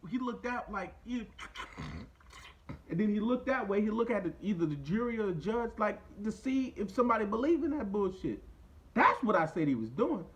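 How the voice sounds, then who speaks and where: A man hosting a podcast, talking in a loose, profane rant. His pitch swings widely and leaps high when he gets incredulous, and he circles back to repeat his points. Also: fairly bright tone, poor audio. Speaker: podcast host. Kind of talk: casual opinion rant.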